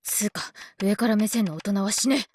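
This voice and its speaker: A woman voicing a reclusive young female hacker in a game who mutters angry rants at high speed. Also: a little mellow, slight background noise, lightly acted. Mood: ranting. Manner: rapid, muttering, indignant rants. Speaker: game character. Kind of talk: Japanese game voice acting.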